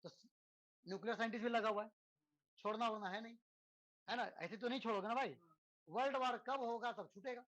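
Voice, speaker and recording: A male teacher gives a relaxed physics lesson to students. He keeps checking in with tag questions and leans on rhetorical questions and everyday examples to make his points. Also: very high-pitched, fast talker, pauses often, highs cut off. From India. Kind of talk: lecture to students.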